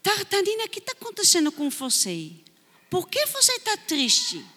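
A woman voicing a kind, caring schoolteacher who speaks gently and coaxingly. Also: very high voice, huge pitch swings, normal speed, big-room sound, pitched above the performer's own voice, full character voice. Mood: gentle, coaxing.

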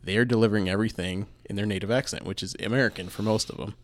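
Male podcast co-host, low voice, dry close sound, relaxed film chat. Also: rapid-fire, no echo. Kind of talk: casual film review chat.

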